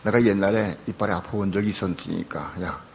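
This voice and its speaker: An older man, a pastor, preaching a sermon and telling a personal testimony, moving from quiet storytelling to loud, pleading prayer. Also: sits low, brisk, creaky, slight background noise.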